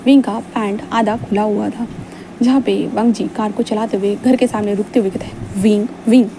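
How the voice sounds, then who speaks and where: A woman's voice: medium pitch, steady tone, moderate pace, gravelly, noisy background. A woman casually narrating a fan fiction story in a chatty, informal way. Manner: chatty, informal, many restarts and fillers.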